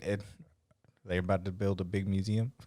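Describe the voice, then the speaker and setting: Male podcast co-host, low voice, laid-back and measured, dry close sound. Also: level tone, dark tone, no echo. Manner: laid-back, measured, frequent backchannel murmurs. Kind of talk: casual chat.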